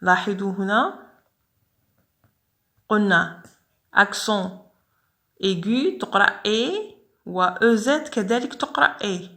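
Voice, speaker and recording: A woman's voice: mid-range voice, animated, slow, pauses often, pushed and bright. A woman teaching French reading in a patient lesson style, drawing out syllables and repeating words. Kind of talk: slow spelled-out reading lesson.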